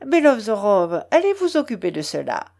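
A woman's voice: mid-range voice, sing-song, normal speed, vocal fry, a little mellow. A woman voicing a haughty, teasing young princess in an audiobook, with a mocking, imperious manner. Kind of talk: audiobook character voice.

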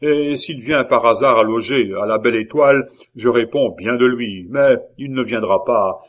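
A man's voice: medium pitch, normal speed, lightly acted. A man voicing a fiery, zealous male innkeeper giving a rousing speech in an audiobook. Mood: impassioned. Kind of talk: audiobook character reading.

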